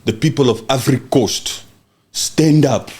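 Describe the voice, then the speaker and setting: A man's voice: mid-range voice, measured pace, a little mellow, slight background noise. A man from Congo hosting a political podcast, talking in a fiery, emphatic way, swearing and often asking if the listener understands. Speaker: podcast host. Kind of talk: impassioned political talk.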